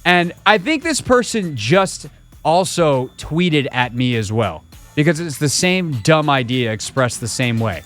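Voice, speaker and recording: A male sports radio host in casual chat, reading listener comments and mocking them. His voice sits fairly high. Faint music plays underneath. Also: big pitch swings, a little slow, fairly bright tone. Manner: sarcastic, mocking.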